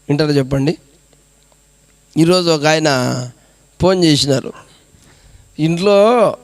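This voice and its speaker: Pastor guy preaching, high clear voice, dry close sound, keeps firing questions at the crowd. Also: no room sound. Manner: exhorting, rhetorical questions to the congregation; repetitive preaching cadence. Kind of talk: sermon.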